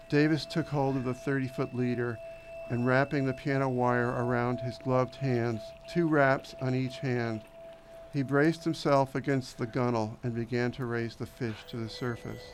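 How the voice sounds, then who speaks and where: A man reading an audiobook in a measured, descriptive narration. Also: medium pitch, noisy background. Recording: narration over background music.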